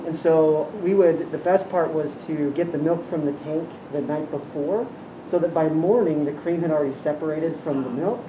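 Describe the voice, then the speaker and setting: A woman introducing herself at a workshop in a relaxed, anecdotal way. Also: low voice, normal speed. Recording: distant mic, echo, noise.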